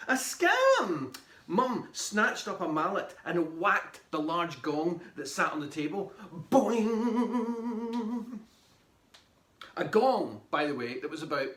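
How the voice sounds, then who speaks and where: A man reading his children's book aloud in an animated, playful way. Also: fairly high pitch, roomy sound.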